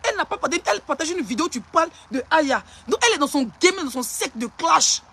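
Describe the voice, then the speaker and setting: An Ivorian social media personality ranting and hurling insults in a live-stream clash, in a taunting, rapid-fire manner. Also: high voice, expressive, bright, forceful tone.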